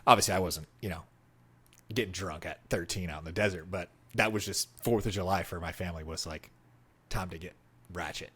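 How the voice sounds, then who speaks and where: A man's voice: low-pitched, fairly quick, pushed and bright, breathy edge. A young man co-hosting a podcast, chatting casually and teasing his friend, saying "bro" and "dude" a lot. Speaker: podcast co-host. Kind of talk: casual chat.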